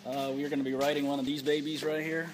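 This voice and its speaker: A man's voice: a little high, little pitch movement, quick pace. A father casually narrating a family helicopter outing on home video, chatty and hesitant with fillers. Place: helicopter hangar, then inside a helicopter cabin. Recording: loud helicopter engine noise. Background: loud helicopter rotor and engine.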